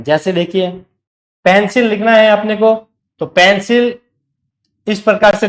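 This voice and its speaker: Male teacher, high-pitched, patient step-by-step online lecture, roomy echo. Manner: explains step by step, checks with the class.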